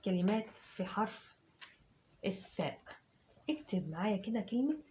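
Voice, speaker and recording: An Egyptian woman teacher dictating words to children, patiently breaking them into drawn-out syllables and repeating them. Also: mid-range voice, big pitch swings, darkish tone. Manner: slow, syllable by syllable, drawn-out sounds.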